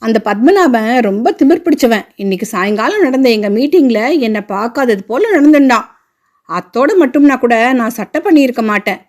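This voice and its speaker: A woman's voice: a little high, animated, fairly quick, a little mellow, close to an everyday voice. A woman reading an angry, proud father. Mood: indignant. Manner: indignant, ranting. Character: angry middle-aged father, proud and hot-tempered.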